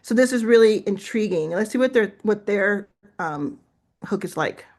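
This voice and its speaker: Her voice is mid-range with a darkish tone, expressive and at a normal speed. She's a woman running an informal business coaching livestream, sociable and encouraging as she gives feedback and thinks out loud.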